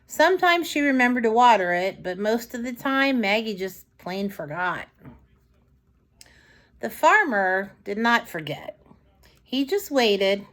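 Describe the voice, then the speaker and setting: Speaking at a medium pitch, a woman dramatically and expressively reads a storybook to young kids, pausing for asides aimed at her listeners.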